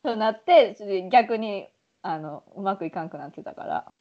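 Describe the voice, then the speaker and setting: A woman with a Kansai accent co-hosting a casual podcast chat, animated and quick to laugh. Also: medium pitch. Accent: Kansai Japanese. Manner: animated, chatty, laughs often. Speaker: podcast co-host. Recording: lo-fi dull sound.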